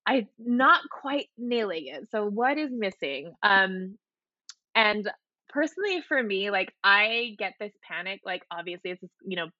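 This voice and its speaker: A woman in her thirties from Hawaii talks with a bright, forceful voice, rambling casually and leaning hard on "like." The sound is dry and a touch dull, as if captured on a modest home setup over a call. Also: mid-range voice, big pitch swings, a little slow, dry recording. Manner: chatty, peppered with "like", casual swearing. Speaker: podcast guest, wedding photographer. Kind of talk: casual interview chat. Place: home apartment.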